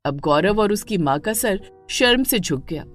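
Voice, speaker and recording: A woman reads the narration of an animated family tale. Her mid-pitched voice moves with lively expression, and soft music plays underneath. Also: moderate pace. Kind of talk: scripted storybook narration.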